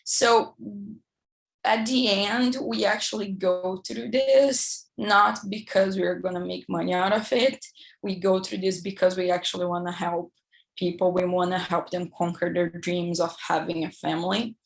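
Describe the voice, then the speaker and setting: A young woman with a Brazilian accent, an egg donor speaking earnestly on a panel in slightly halting English. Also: fairly low pitch, fairly even intonation, vocal fry. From southern Brazil. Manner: earnest, slightly halting, non-native phrasing. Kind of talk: personal account on a panel.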